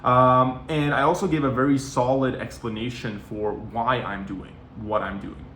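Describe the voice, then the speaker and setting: Man in his 20s, easygoing advice talk, mid-pitched voice, roomy echo. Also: fairly even intonation, normal speed, fairly bright tone, slight background noise. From Norway. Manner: conversational, with frequent "you know" and "like". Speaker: sales coach. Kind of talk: casual talking-head advice.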